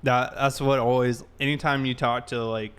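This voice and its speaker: A man hosts a casual game livestream, thinking aloud and talking informally to his viewers as he reads chat. His voice is medium-pitched, fairly bright, clear and resonant, with a level tone at a moderate pace.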